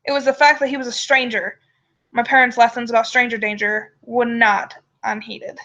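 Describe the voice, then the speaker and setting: A woman's voice: on the high side, level tone, normal speed, sharp tone. A woman storyteller reading a first-person tale aloud on a dull, lo-fi microphone. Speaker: storyteller and show host.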